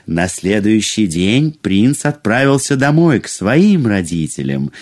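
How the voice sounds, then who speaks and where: Male fairy-tale narrator, measured pace, very animated intonation. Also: on the low side. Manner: expressive, unhurried reading. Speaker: storyteller.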